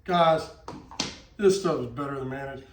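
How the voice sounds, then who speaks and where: With a medium pitch and moderate pace, a Texan-accented cooking vlogger from Texas talks casually as he cooks, folksy and full of asides. He is far from the mic in an echoey kitchen, with frying in the background and a little hiss or hum.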